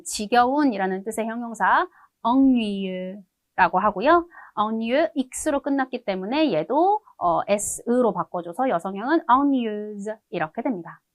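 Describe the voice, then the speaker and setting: A woman teaching an online language lesson, with a bouncy, animated pitch that rises and falls a lot. She explains patiently and answers her own questions. Her voice is close and dry, with no room echo. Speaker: French teacher.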